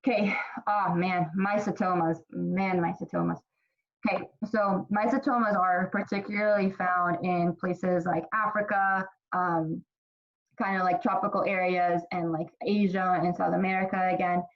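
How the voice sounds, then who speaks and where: A woman from Ethiopia teaches a college microbiology class in a loose, conversational way, full of fillers and restarted sentences. Her voice sits a little low for a woman. The recording sounds slightly dull and lo-fi. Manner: chatty, many fillers and restarts. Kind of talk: casual recorded lecture.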